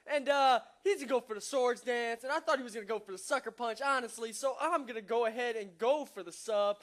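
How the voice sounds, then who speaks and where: A man's voice: very high voice, fairly bright tone. A young man casually narrating his own online game battle, laid-back, profane and self-mocking. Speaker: gaming YouTuber. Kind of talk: casual gameplay commentary.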